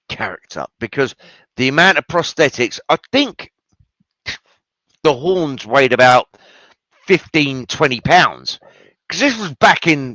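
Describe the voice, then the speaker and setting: A man's voice: mid-range voice, sharp tone, no room sound, low-quality recording. A man hosting a show, giving casual, enthusiastic film commentary with rambling asides and free swearing. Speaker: podcast host.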